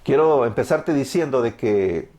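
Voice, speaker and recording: Unhurried yet animated, a Salvadoran man in his thirties fervently delivers his testimony as an evangelical sermon, supplying answers to his own questions. His accent is Salvadoran Spanish, and his medium-pitched voice carries a dark tone.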